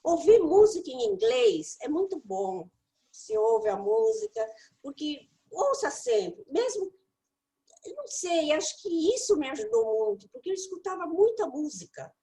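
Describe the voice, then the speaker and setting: A woman English teacher mentors her listeners with practical study tips. Her voice sits high and moves through a wide, animated range. She speaks directly and playfully to the audience. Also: measured pace, poor audio.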